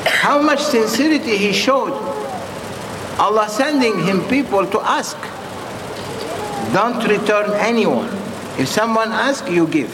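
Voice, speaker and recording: High-pitched, slow-speaking male preacher in echoey hall. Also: lively intonation. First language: not English. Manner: halting, repetitive short phrases. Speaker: Sufi preacher addressing followers. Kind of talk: informal sermon with questions to listeners. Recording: echoey reverberant hall with clear background noise.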